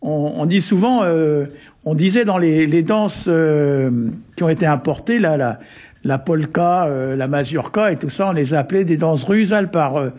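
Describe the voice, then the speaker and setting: A man from Brittany explaining word meanings in a relaxed, hesitant way, full of little fillers and chuckles. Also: a little high, moderate pace, husky. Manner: hesitant, many "euh" and "hein" fillers, chuckles often. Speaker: Breton language expert on a radio show. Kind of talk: casual explanatory chat.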